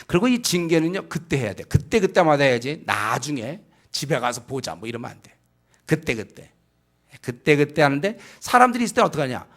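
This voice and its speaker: A male pastor delivers a practical sermon to his congregation. His voice sits a little high for a man and has a gravelly edge. He is emphatic and keeps putting rhetorical questions to his listeners. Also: big pitch swings, fairly quick, a bit bright. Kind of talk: sermon lecture on child-rearing.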